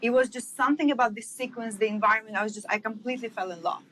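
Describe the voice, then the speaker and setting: Bright-voiced woman from Estonia. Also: a little high, rapid-fire, slight background noise, poor audio. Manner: eager, rambling, with many fillers. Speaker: guest, wellness entrepreneur. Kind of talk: casual interview storytelling.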